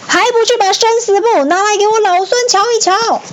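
A woman voicing a brash, furious male monkey king who shouts and scorns, in a storybook reading. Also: fairly high pitch, a little fast, a little hiss or hum, close to an everyday voice.

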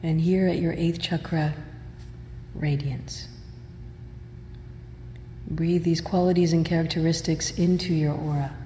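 A woman teacher leading a guided meditation, speaking in slow, measured, soothing instructions with long pauses. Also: low voice, fairly even intonation, dark tone. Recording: roomy hall reverb, faint noise.

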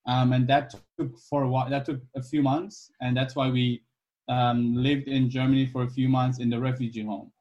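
A man in his twenties from Iran, a guest speaking in a casual interview, easygoing and thoughtful with many pauses. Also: medium pitch, level tone, a little mellow, highs cut off. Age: 20s.

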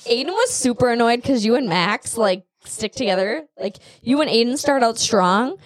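Chatty mom, dry close voice. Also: female voice, on the high side, expressive, normal speed, no room sound. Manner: chatty, blunt, acts out quotes dramatically. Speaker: mother and podcast host. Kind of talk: casual family chat.

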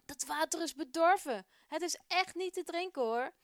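A woman voicing an angry man in a storybook reading, loud and indignant. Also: very high voice, normal speed, dry recording, clean studio sound, pitched above the performer's own voice. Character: angry grown man, shouting and bitter. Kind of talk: storybook narration.

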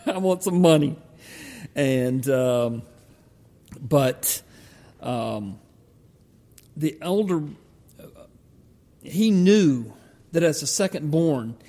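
Slow Georgia drawl, male pastor preaching. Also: fairly high pitch, mellow. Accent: Southern US, Georgia drawl. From Georgia, United States. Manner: halting, deliberate, with frequent pauses. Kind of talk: sermon. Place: large church hall, preaching to a congregation. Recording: reverberant church hall.

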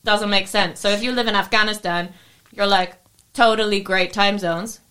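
A woman's voice: mid-range voice, steady tone, normal speed, bright, forceful tone, a little hiss or hum. A young woman co-hosting a podcast, chatting in a casual, tipsy way, swearing lightly and laughing easily. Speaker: podcast co-host. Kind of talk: casual chat.

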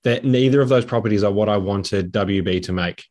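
A man co-hosting a gaming podcast in casual chat, talking in an earnest, deliberate way. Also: on the low side, darkish tone. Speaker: podcast co-host.

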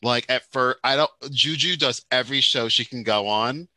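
A man co-hosting a casual chat, rambling and animated, full of restarts and asides. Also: mid-range voice, moderate pace, no room sound. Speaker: podcast co-host. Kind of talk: casual chat about Japanese pop music.

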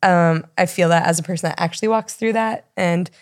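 A woman's voice: fairly low pitch, a little fast. A woman co-hosting a church podcast, chatting casually and rambling a little. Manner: warm, rambling, chatty with laughs. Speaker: podcast co-host and pastor. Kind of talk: casual chat.

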